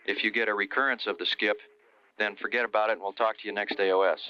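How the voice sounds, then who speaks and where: A low-voiced man speaks over a radio as a mission control communicator. His voice is smooth and clean, delivering procedural instructions through a slightly dull transmission. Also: steady tone, quick pace. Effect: heard over a radio.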